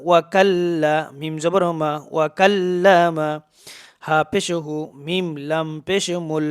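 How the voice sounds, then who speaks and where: A man teaches Quran reading in a smooth, resonant, fairly high voice. He spells out syllables, draws the verses out in slow chant, then explains the rules quickly. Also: fairly even intonation.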